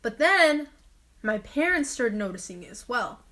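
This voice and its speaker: A woman's voice: on the high side, very animated, a little slow, fairly bright tone. A young woman casually telling a story to her camera at home, chatty and rambling with lots of fillers. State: out of breath. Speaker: vlogger.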